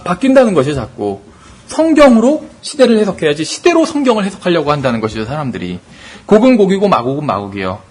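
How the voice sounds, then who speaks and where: Man, pastor lecturing on scripture, high lively voice, brisk delivery. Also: husky. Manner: explanatory, ends points with rhetorical questions. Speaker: pastor teaching Bible study. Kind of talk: Bible study lecture.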